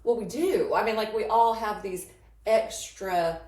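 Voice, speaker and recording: A woman's voice: medium pitch, a little slow, darkish tone, far from the mic. A woman co-host chats freely, laughing as she talks and letting sentences trail off. Her voice sits back from the mic, and the room gives it a roomy echo. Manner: chatty, laughs often, trails off mid-thought. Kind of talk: casual podcast chat.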